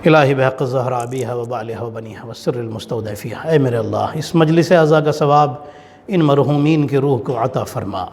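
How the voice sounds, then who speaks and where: A man's voice: mid-range voice, a little mellow, a little hiss or hum. A man leading a mourning gathering, preaching with passion and rising into a wailing chant. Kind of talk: Urdu majlis sermon with mourning recitation. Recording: long hall reverb.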